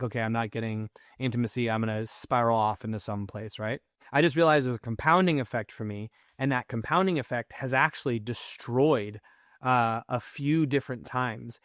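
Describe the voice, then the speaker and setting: A man's voice: medium pitch, no room sound. Male podcast co-host, thirties, candid storyteller, dry close mic. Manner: candid, animated storytelling with mimicked inner voices. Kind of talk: casual podcast conversation.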